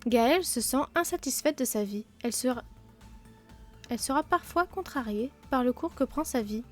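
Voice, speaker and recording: A woman with a cold comments on her game in a fairly high, chatty voice. She jokes at her own expense, filling her sentences with hesitations. Faint music plays underneath. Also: expressive, moderate pace. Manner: chatty, self-mocking, many fillers. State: sick, blocked nose and sore throat. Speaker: let's play host.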